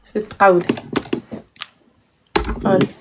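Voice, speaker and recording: A woman hosting a live stream, giving blunt advice in an animated, mocking tone full of rhetorical questions. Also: slow. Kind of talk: casual live stream chat.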